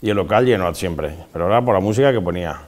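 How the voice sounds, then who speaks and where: A man's voice: low voice, lively intonation, fast. A middle-aged man, a DJ, telling his colleagues and students a story in a firm, matter-of-fact way during a casual chat. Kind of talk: casual conversation. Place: large school room.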